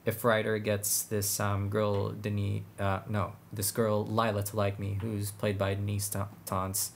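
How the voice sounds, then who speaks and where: A young man from the Philippines with a low voice and a gravelly edge. He talks casually and hesitantly, with lots of ums and self-corrections, as a guest in a podcast interview. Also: monotone, measured pace, slight background noise.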